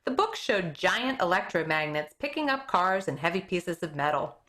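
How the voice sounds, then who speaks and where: A woman teaching elementary school reads a chapter book aloud to her class at normal speed, her bright, ringing voice gliding freely up and down in pitch. The reading is expressive, with the odd stumble she quickly corrects.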